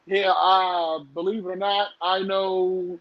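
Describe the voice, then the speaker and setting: High-voiced man in his thirties. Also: little pitch movement, takes it slowly, no room sound, highs cut off. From southern United States. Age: 30s. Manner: rambling, lots of fillers, laughs often. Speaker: guest. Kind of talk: casual podcast chat.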